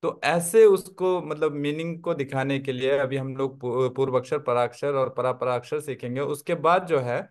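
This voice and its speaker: A man's voice: mid-range voice, normal speed, few pauses. A man teaching a Tibetan script class online, explaining step by step and often checking that his listeners follow. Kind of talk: online language lesson.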